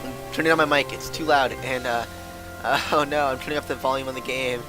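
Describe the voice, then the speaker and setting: Streaming a game, a young man with a lisp chats and rambles in a slangy, self-mocking way while video game music plays behind him. His voice is medium in pitch with fairly even intonation, and he talks fast. The recording quality is low.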